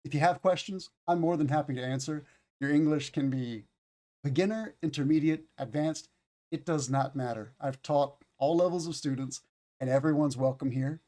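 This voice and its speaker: A man's voice: fairly high pitch, normal speed, dark tone. A tired American man with a Southern accent teaches an online English class, patiently explaining and repeating key words. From United States.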